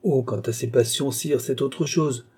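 A man's voice: medium pitch, a little slow, a little mellow, slightly rough. A man voicing a flustered, timid old duke. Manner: hesitant, deferential, anxious. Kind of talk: audiobook reading.

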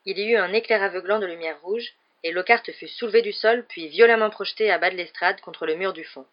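A man's voice: high voice, a little fast. Man reading a novel aloud, lo-fi. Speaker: audiobook reader. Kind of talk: read-aloud narration of a novel. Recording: dull lo-fi recording.

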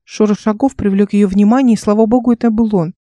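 A woman narrating her own fantasy audiobook in a calm, measured reading. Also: mid-range voice, no echo.

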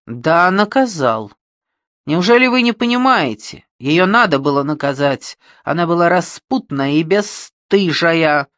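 A reader voicing a tormented male killer who breaks into hysterical, fervent shouting in an audiobook. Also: medium pitch, lively intonation, no room sound, studio quality. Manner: slow, halting, fervent. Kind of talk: audiobook reading.

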